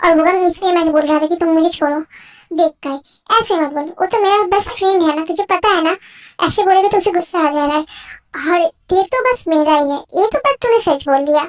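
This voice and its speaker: A woman's voice: extremely high pitch, brisk, poor audio. A woman voicing every part of a homemade fan dub drama in a plain conversational way. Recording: faint music behind.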